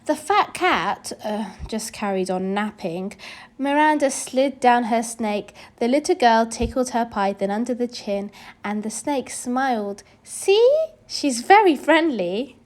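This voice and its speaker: A woman with a fairly high-pitched voice reads a children's story aloud, expressive and deliberate in her storytelling.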